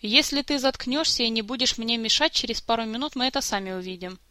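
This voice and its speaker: A woman voicing a grumbling, sarcastic male jester and thief in an audiobook story, gruff and mocking. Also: extremely high pitch, fast, sharp tone, no echo, heavily acted.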